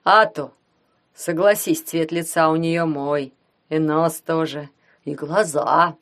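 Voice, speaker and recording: A woman's voice: sits high, normal speed, slightly rough, voice pushed up. A woman voicing a cheerful, doting middle-aged wife and mother. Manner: chirpy, doting.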